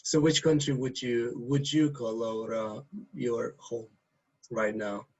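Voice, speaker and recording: A man's voice: medium pitch, flat delivery, a little mellow, muffled recording. A man interviewing a dance couple, asking questions with frequent restarts. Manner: halting questions with many restarts.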